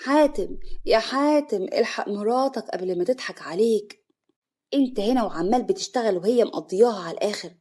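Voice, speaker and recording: A woman's voice: medium pitch, animated, fairly quick, mellow, husky. A woman voicing a meddling, scheming mother-in-law with an Egyptian accent, wailing and melodramatic. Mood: urgent.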